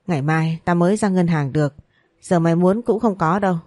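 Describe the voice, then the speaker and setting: A woman doing a gruff, stingy old boss. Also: on the low side, brisk, a little mellow, no room sound, clean studio sound, lightly acted. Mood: harsh scolding. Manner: curt, scolding. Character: gruff older male factory boss, stingy and harsh.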